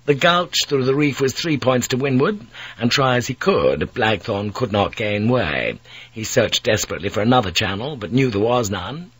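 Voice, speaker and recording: A man's voice: mid-range voice, expressive, moderate pace, slightly rough, no room sound. A man narrating an audiobook in a vivid, dramatic storytelling manner. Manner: vivid storytelling, shouts the characters' cries.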